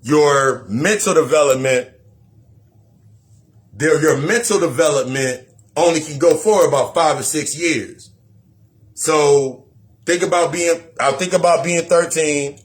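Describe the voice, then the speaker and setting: A man's voice: a little high, a little slow, pauses often. Blunt, cursing man preaching self-help. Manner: blunt and profane, repeats phrases as he goes; preachy, talks straight to the listener. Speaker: spiritual reader and self-help speaker. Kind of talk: spiritual self-help monologue.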